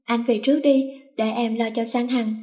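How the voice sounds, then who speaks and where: A woman's voice: a little high, steady tone, moderate pace, warm tone, natural voice. A woman voicing an older schoolgirl bully who fakes concern and then pleads. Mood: pleading. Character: senior schoolgirl bully, falsely sweet.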